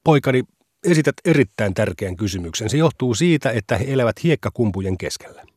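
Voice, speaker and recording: Patient old male sage, soft and kindly, dry close sound, man reading the part. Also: mid-range voice, expressive, breathy edge, no echo. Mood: gentle.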